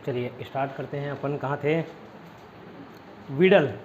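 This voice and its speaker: A man's voice: medium pitch, a little slow, darkish tone. A man teaching an online class, chatty and often checking in with his students. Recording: dull lo-fi audio with faint noise.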